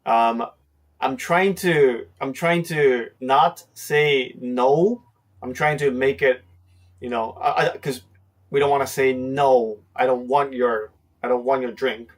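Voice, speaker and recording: A man's voice: mid-range voice, steady tone, slow pace, far from the mic. A man hosting a casual lesson on a Japanese phrase, talking with many fillers and acting out example lines. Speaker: host teaching Japanese phrases.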